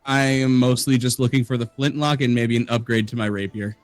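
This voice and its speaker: A man's voice: mid-range voice, level tone, fairly quick, no echo, faint music behind. Playful man role-playing a cheeky character. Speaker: player. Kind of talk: tabletop role-play in character.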